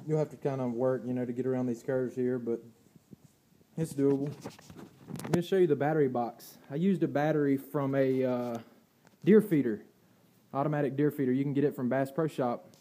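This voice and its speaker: A man's voice: medium pitch, fairly even intonation, brisk, warm tone, a little hiss or hum. A man walking through his kayak gear in a garage, rambling in a plainspoken way with fillers and restarts, recorded on a handheld phone. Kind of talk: casual walkthrough. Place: indoors, garage or storage room. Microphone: handheld phone camera.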